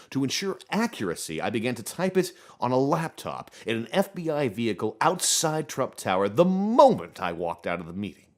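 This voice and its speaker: A man gives a dramatic reading of a formal statement like a hammy stage actor, with theatrical emphasis that swells and then drops away. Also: sits low. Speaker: reader performing a prepared written statement.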